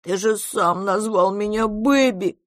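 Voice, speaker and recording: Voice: medium pitch, measured pace, a bit bright, dry recording, clean studio sound, voice pushed up, natural voice. A reader voicing a huge, clingy monster child who talks in a tearful, pleading, childlike way in an audiobook. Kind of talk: audiobook character reading.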